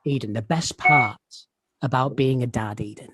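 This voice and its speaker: A man's voice: medium pitch, normal speed, heavy background noise. A man, doing a dry, self-deprecating stand-up set over a video call. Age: 30s. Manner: dry, self-deprecating storytelling with quiet asides. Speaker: stand-up comedian.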